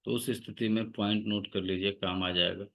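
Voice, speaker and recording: A man teaching an acupressure class, listing points and symptoms in a slow, steady instructive tone. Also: lowish voice, gravelly. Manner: dictates point names slowly, steady instructive tone. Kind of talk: online class lecture.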